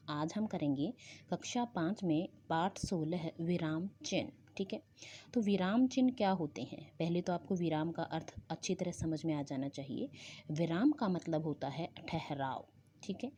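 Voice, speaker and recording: A Hindi teacher gives a school language lesson in an online class, her lowish, mellow voice moving at a moderate pace with lively intonation. She explains patiently and checks in with her pupils often. The recording is dull and lo-fi with faint noise.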